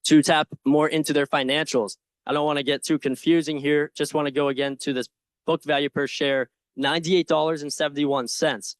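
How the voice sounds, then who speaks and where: A young man confidently and earnestly giving a prepared investment pitch with slides, with some informal asides. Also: level tone, fairly quick, no room sound. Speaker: presenter in a stock pitch competition.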